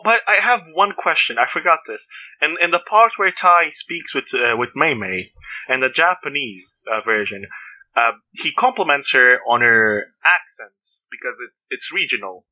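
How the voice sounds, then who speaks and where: Bright-voiced man on a dull mic. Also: on the high side, sing-song, normal speed. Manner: joking, rattles off trivia. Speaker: podcast co-host. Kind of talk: casual chat.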